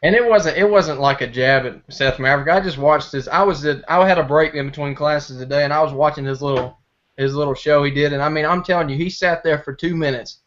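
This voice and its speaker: Brash young male guest, fairly high voice. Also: a little fast, fairly bright tone. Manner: brash, outspoken. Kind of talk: casual chat. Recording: dull lo-fi sound.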